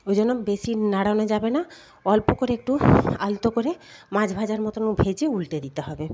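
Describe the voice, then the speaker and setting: A woman's voice: mid-range voice, expressive, fairly quick. Woman, middle-aged, chatty cooking vlog voice-over, slightly breathless, home kitchen, noisy background. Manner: chatty, homely, addresses viewers directly. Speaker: vlogger. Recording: audible background noise.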